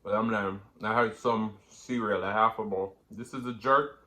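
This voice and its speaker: A man's voice: fairly low pitch, fairly even intonation, normal speed, sharp tone. A man giving casual mukbang commentary while eating, talking between bites with savoring hums. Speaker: mukbang host.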